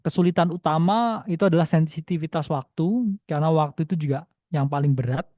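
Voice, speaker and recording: Dry, mellow-voiced man teaching a webinar. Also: fairly high pitch, no echo. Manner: chatty, repeats "ya", mixes in English phrases. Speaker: crypto trading webinar presenter. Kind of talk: casual spoken webinar lesson.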